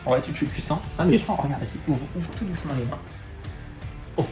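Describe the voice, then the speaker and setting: A man's voice: a little high, expressive, quick pace. A man hosting as a magician, performing a card trick and playfully guiding his guest through each step. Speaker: magician host. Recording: echoey room with loud music underneath.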